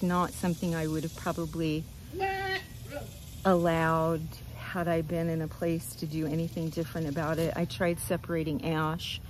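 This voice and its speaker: An older woman chatting casually outdoors on her farm, talking gently and rambling as she loses her train of thought. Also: lowish voice, slight background noise, poor audio. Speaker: goat rancher. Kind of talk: casual farm vlog chat.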